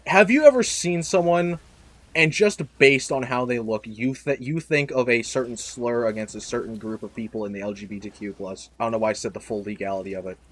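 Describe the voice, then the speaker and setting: A young man hosting a casual podcast chat, rambling and self-deprecating with sudden loud exclamations. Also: mid-range voice, brisk. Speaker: podcast host.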